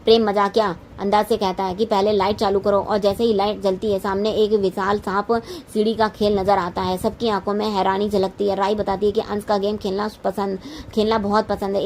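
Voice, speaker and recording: A woman's voice: medium pitch, darkish tone, slight background noise. A woman narrating a TV serial recap, often stumbling and correcting herself mid-sentence. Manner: frequent restarts and self-corrections.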